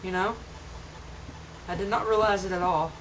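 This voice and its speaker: Speaking at normal speed with a fairly low pitch and fairly even intonation, a young woman earnestly rambles in a casual home vlog, often restarting sentences. Her camera mic gives a dull lo-fi sound with slight background noise.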